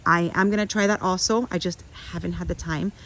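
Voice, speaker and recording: A middle-aged orchid vlogger talks briskly in a lowish, fairly bright voice with fairly even intonation. She chats to viewers with restarts and asides on a walk through her outdoor garden on a windy morning, in a rough recording.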